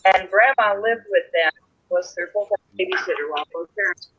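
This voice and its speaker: Shelter lady on a call, bright voice, choppy audio cutting out, dull lo-fi sound. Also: medium pitch, animated, brisk, breathy edge. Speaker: rescue shelter caretaker. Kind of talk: casual chat over a remote link.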